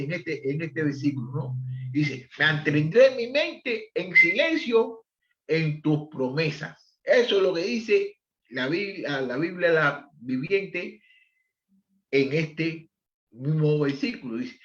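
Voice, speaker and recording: Man teaching scripture, high lively pitch, asks and answers himself, roomy dull lo-fi recording. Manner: emphatic, repeats phrases, asks and answers his own questions. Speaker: Bible teacher. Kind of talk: Bible study teaching.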